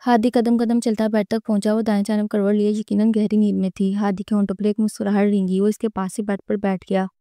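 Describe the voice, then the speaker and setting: A woman narrating a romance novel in a steady, even reading voice, close to the mic. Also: mid-range voice, no room sound.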